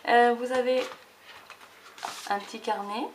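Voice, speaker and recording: A woman's voice: fairly high pitch, steady tone, measured pace, a little hiss or hum. A woman chatting casually while showing her scrapbooks, hesitant with many fillers and restarts. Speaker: scrapbooking vlogger. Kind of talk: casual show-and-tell.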